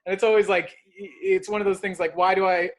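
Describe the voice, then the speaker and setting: Rambling young man, slightly high voice. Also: level tone, fast talker. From partly raised in the Gulf, of North African parents. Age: young adult. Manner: rambling, self-deprecating. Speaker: cooking class host. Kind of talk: casual personal chat.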